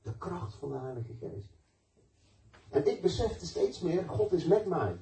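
A man's voice: high voice, very animated, measured pace, dark tone, a little hiss or hum. A man preaching a sermon, telling stories in a conversational, emphatic way and mixing in personal testimony. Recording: echoey room, mic at a distance.

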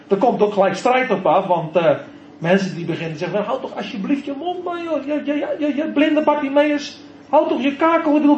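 A man's voice: high voice, reverberant, muffled recording, a little hiss or hum. A man preaching an evening sermon, telling the story animatedly and acting out the quoted people. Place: church.

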